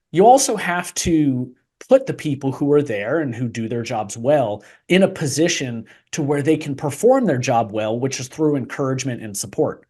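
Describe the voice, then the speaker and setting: A man's voice: mid-range voice, darkish tone. A man co-hosting a business podcast, talking in a dry, sarcastic way with some hesitant restarts. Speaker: podcast co-host. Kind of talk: casual podcast chat.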